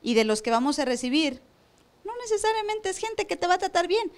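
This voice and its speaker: A woman's voice: extremely high pitch, very animated, brisk. A woman pastor preaching a sermon to a church, asking the room rhetorical questions and acting out church members. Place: church service.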